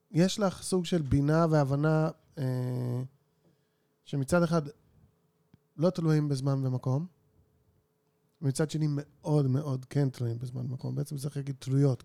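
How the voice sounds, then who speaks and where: A man co-hosting a podcast, talking in a measured way and correcting his own wording. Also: medium pitch, gravelly, dark tone. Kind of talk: casual podcast chat.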